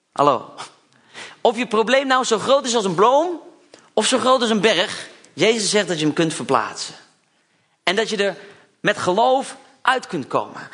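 A man's voice: sits high, a bit bright. A man preaching a sermon, telling a Bible story with chatty asides and acting out the disciples' lines.

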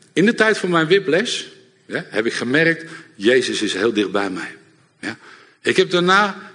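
A middle-aged man preaching a sermon to a congregation, lively and direct, often checking in with the audience. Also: on the high side, breathy edge. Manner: lively, engages audience with repeated "ja?". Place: church hall before a congregation. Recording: long hall reverb.

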